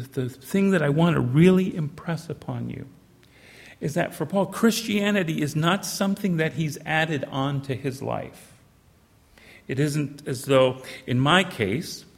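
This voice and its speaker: A Canadian-born man preaching a sermon in a church, earnest and measured, slowing down to stress key phrases. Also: on the high side, gravelly. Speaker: pastor. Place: church sanctuary. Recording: reverberant church hall.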